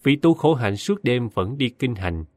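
A man giving a measured, solemn scripted narration of a Buddhist scripture story. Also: mid-range voice, animated, darkish tone, no echo, clean studio sound.

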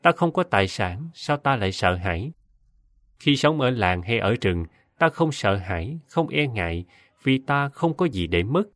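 A man voicing a calm, fearless male ascetic sage who speaks in a serene, gently instructive way. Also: mid-range voice, unhurried, dry recording, studio quality.

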